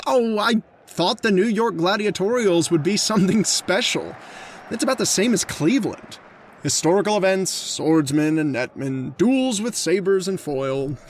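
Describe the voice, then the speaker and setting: In an old-time radio drama, a man plays an earnest, lovestruck hunter courting someone, talking a lot but hesitating and stammering. His voice sits high and animated at a moderate pace, the mood chatty and casual, with slight background noise.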